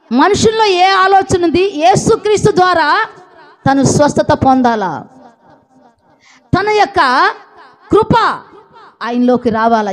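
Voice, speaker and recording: A woman preaching a church sermon, emphatic, repeating her phrases and putting questions to the congregation. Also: high-pitched. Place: church service.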